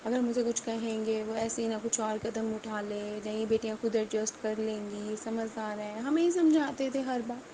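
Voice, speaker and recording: A woman's voice: a little high, little pitch movement, normal speed, hardly any pauses, background noise. A woman giving an earnest, emotional devotional testimony, repeating her phrases and speaking straight to her listeners.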